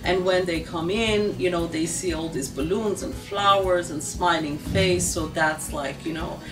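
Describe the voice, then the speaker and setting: An earnest middle-aged woman speaks in a documentary interview, filling pauses with "um" and "you know". Her voice sits a little low. Music plays under her, and she sounds a bit distant from the mic. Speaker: refugee agency staff member.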